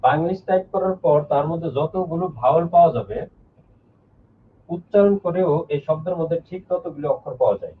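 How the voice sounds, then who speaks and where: A man's voice: fairly high pitch, brisk, far from the mic, a little hiss or hum. A man teaching a live online grammar lesson, explaining step by step, repeating key points and reading out viewers' names. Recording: lo-fi phone-like sound from off the mic.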